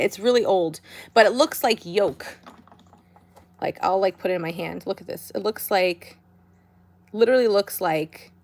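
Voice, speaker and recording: A woman, chatty and girlish, gushing casually as she hosts a toy and candy unboxing vlog. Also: mid-range voice. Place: indoors at home, by a tabletop.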